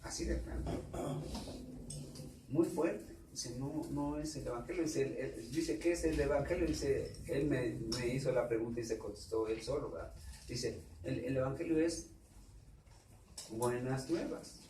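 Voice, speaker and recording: A man with a Mexican Spanish accent preaching a sermon, repeating himself and asking the congregation rhetorical questions, at times suddenly loud. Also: mid-range voice, unhurried. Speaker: pastor. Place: church. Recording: echoey room, distant mic, faint background noise.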